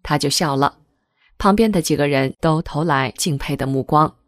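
A woman reading a first-person article aloud in a steady, measured way. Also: low voice, no echo, studio quality. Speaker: article reader. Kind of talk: scripted reading of a testimonial article.

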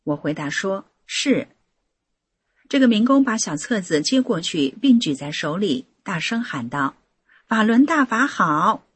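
A woman reading a personal account aloud in an earnest, measured scripted narration. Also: lowish voice, expressive, breathy edge. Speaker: article reader.

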